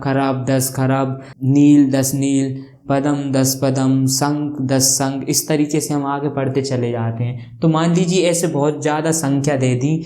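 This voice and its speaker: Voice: medium pitch, warm tone. A maths teacher explaining a lesson, who keeps asking questions and answering them, and spells out place values one by one.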